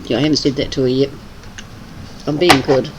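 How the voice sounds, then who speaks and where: Brisk and flat in delivery, her very deep voice comes through against a noisy background. She's an older woman with a Kiwi-English accent, bantering and teasing with viewers while gaming on her livestream.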